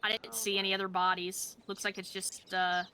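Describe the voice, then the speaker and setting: Brisk woman leading a roleplay. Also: medium pitch, flat delivery. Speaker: roleplay lawman. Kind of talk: in-character roleplay chat. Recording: loud game noise behind.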